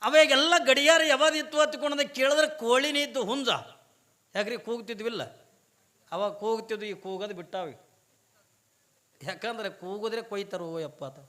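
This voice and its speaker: Male preacher, North Karnataka accent, very high voice, rhetorical questions. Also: steady tone, a little fast, pushed and bright. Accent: North Karnataka Kannada. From Bijapur district, Karnataka. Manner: asks the audience questions and answers them himself. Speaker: religious preacher. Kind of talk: sermon.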